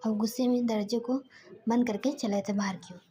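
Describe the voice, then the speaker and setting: A woman tells a romantic story in a casual, soft voice that often drops to a half-whisper. Her voice is fairly high but mellow. A faint hum sits behind her. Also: fairly even intonation, brisk.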